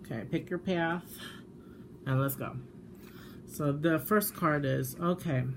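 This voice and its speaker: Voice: medium pitch, slow pace, noisy background. A tarot card reader talking casually to the camera in a chatty way, with lots of fillers and self-corrections. The reader sometimes steps away from the mic while shuffling.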